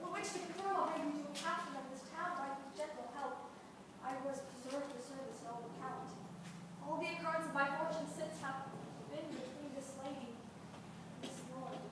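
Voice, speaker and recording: A woman acts out an earnest young heroine disguised as a page, declaiming in a high voice on a school stage. The sound is recorded from far off in a very echoey hall. There is noise behind her. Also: normal speed, lightly acted. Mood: wondering. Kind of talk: amateur stage acting.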